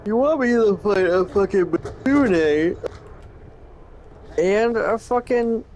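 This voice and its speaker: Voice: medium pitch, expressive, slow, darkish tone, slight background noise. A friend on voice chat talking casually, grumbling about a game and swearing heavily.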